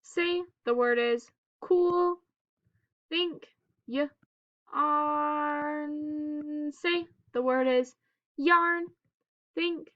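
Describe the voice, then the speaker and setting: A woman teacher leading a phonics drill for children in staccato, clipped single words with pauses between them. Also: extremely high pitch, no room sound, lo-fi sound.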